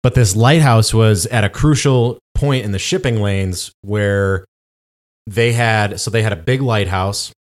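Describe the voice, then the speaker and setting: A man, co-hosting a podcast and telling a travel story in casual chat, with lots of fillers. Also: on the low side. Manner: rambling storytelling with many fillers. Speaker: podcast co-host.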